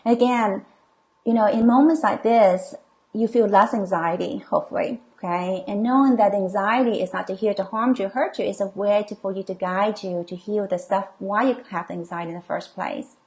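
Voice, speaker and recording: A middle-aged woman coach talks to her live-stream audience and reads out their comments. Her voice sits at an ordinary middle pitch. She speaks in a reassuring way, full of fillers and checking "okay?" after her points. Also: fairly even intonation, normal speed, darkish tone. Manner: reassuring, many okays and ums, reads comments aloud. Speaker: coach and healer hosting a live session. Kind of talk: live-stream talk reading viewer comments.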